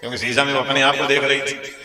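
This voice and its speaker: Bright-voiced male storyteller in an echoey hall. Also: mid-range voice, fast talker. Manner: lively, animated narration. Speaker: religious storyteller. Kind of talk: comic folk storytelling. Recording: echoey hall, faint music.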